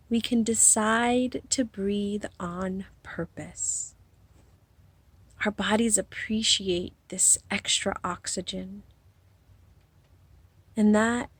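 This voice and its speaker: With no room sound, a mid-range female voice eases listeners through hypnosis meditation. Her delivery is breathy, gentle, and unhurried, with extended pauses between phrases.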